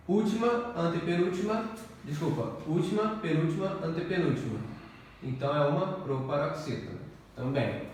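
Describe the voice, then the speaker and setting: A male teacher giving an exam-prep grammar lesson, explaining step by step and often checking in with the class. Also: on the high side. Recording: echoey room, distant mic, faint noise.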